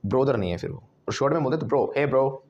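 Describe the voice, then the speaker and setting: A man with an Indian accent teaching a spoken English class, animated, drilling his students with call-and-response repetition. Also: mid-range voice, rapid-fire, highs cut off. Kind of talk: classroom lesson.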